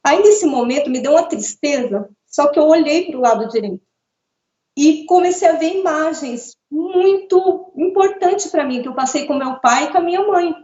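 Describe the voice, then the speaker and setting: A middle-aged woman giving an earnest, halting personal testimony, often repeating words as she speaks. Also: sits high, expressive, dark tone. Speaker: interviewee telling a near-death experience. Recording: echoey, dull lo-fi room sound.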